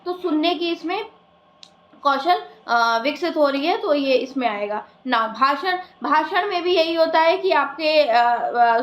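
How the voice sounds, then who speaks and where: Woman teacher doing exam prep, high voice, keeps checking in, echoey room. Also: a bit bright. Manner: explains step by step, many fillers and "ठीक है" check-ins.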